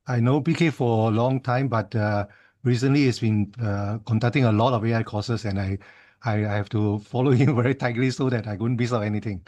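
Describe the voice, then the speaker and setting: A man greets an online class cheerfully. He sounds a little away from the mic. His voice is mid-pitched. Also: steady tone, a little fast, darkish tone. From Singapore. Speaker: class participant.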